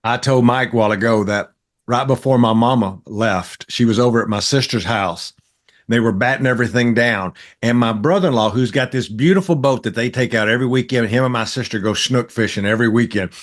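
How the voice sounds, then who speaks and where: A middle-aged man, talking politics in a blunt, folksy way as a podcast co-host. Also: mid-range voice. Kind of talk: casual political chat.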